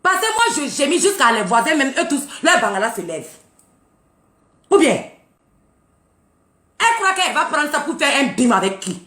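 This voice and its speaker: Live-streaming with a roomy echo, this woman from Burkina Faso taunts and mocks, laughing often and boasting as she rants. Her high, sing-song, fairly bright voice moves at normal speed with long pauses.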